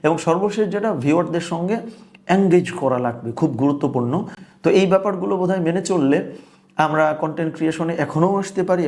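A man's voice: fairly high pitch, darkish tone. A young man from Bangladesh, a business and productivity coach, giving casual, conversational advice to camera and mixing in English words.

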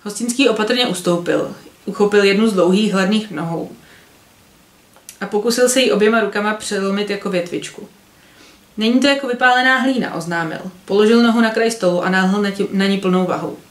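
Brief: book vlogger reading a novel aloud, mid pitch, roomy echo. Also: female voice. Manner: steady narration with occasional slips.

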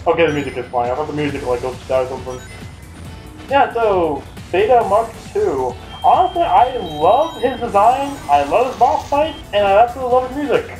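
A young man commentating gameplay in casual chat, excitable and loud, laughing often. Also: sits high, a little fast. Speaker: let's play commentator. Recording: echoey room with faint game music. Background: faint game music.

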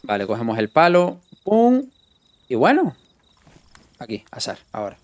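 A man's voice: mid-range voice, sing-song, moderate pace. Chatty young man streaming a game. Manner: chatty, greets and thanks viewers. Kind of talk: live gameplay commentary.

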